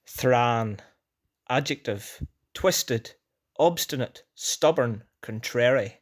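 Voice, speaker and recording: Northern Irish man reading an educational script. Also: mid-range voice. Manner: measured dictionary-style delivery with definitions and examples. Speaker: language teacher presenting a word list.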